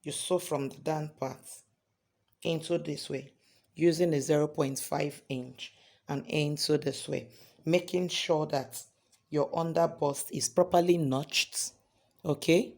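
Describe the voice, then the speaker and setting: A hoarse man teaching a sewing tutorial step by step, often checking in with "okay?". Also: a little high, steady tone, slow pace, a little mellow. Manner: repeats points, ends lines with "okay?". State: hoarse from singing. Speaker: sewing instructor.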